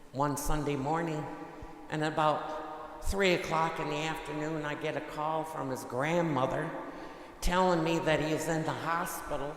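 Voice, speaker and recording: A male priest preaching slowly and conversationally, leaning on casual fillers as he tells a story. His voice booms back from a huge church with long reverb, over a faint hum of the room. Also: gravelly. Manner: conversational storytelling, many "you know" fillers. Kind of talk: homily. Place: large church.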